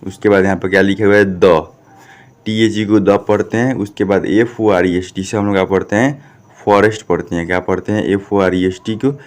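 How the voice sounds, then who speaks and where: A man's voice: deep voice, fairly even intonation, moderate pace. A man, teaching a classroom English lesson, who spells out words and keeps checking with "ठीक?". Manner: repeats "ठीक?" often, asks and answers his own questions.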